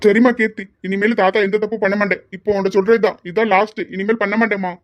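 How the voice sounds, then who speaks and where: A woman voicing a remorseful elderly grandfather who talks in a soft, pleading, apologetic way in a homemade family skit. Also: medium pitch, steady tone, fast, natural voice.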